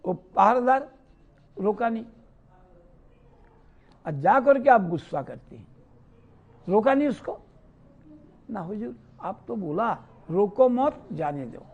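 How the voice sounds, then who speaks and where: A man with a high, animated voice tells devotional stories in an unhurried way. He asks the listeners questions and then answers them himself. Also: muffled recording. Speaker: spiritual teacher giving a discourse. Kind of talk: devotional scripture storytelling.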